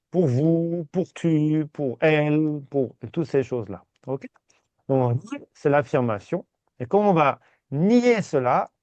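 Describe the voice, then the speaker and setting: A man teaching a language class, reassuring his students and repeating words slowly. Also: mid-range voice, no echo. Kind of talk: patient step-by-step class. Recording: dull, dry sound.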